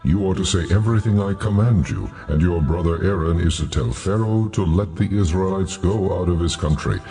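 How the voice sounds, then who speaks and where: God, very deep commanding voice. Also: male voice, brisk, dark tone. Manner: solemn, authoritative, declarative. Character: God, commanding and solemn divine male voice. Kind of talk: dramatized scripture audio drama.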